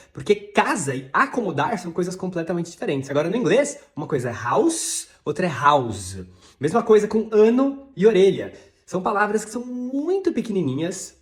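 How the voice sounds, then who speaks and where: A man's voice: high-pitched, echoey room. A man with a Brazilian Portuguese accent teaching English pronunciation in a video lesson, answering criticism in an emphatic, argumentative way and drawing out his example words.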